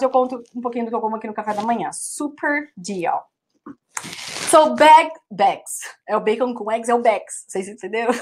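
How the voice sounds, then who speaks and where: A young Brazilian woman teaching English live online, her voice sitting a little high. She talks in a chatty, loose way, repeating each word for her students and answering comments from the chat as she goes. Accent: Brazilian Portuguese. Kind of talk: live online class, explaining vocabulary.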